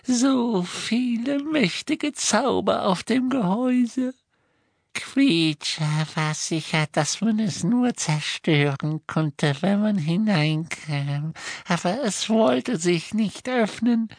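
A woman voicing a miserable old male house-elf in an audiobook, talking in a halting, sobbing way. The recording is close and dry. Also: mid-range voice, animated, dry recording. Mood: despairing. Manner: sobbing, halting, slow and heavy. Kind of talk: audiobook character reading.

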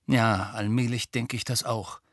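A man's voice: mid-range voice, level tone, measured pace, no room sound, clean studio sound, close to an everyday voice. A man voicing an earnest, studious teenage girl who sounds sheepish and serious.

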